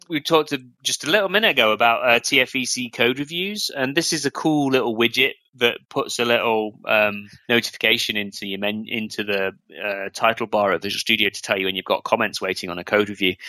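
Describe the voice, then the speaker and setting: Bright-voiced man chatting about software. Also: medium pitch, no echo. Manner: rambling, many restarts and fillers. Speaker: podcast co-host. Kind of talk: casual tech podcast chat.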